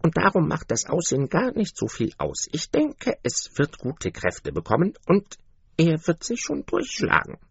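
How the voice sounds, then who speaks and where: A man's voice: a little high, normal speed, vocal fry, breathy edge, no room sound, voice pushed up, exaggerated voice. A man doing a proud, coaxing mother duck. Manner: earnest, coaxing, lively. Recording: dull, lo-fi, dry.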